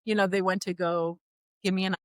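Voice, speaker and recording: A woman's voice: mid-range voice, quick pace, no echo. Chatty woman telling her story, dry sound. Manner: chatty and animated, many fillers like "like" and "you know". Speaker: podcast guest, doula business founder. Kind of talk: personal storytelling in a podcast interview.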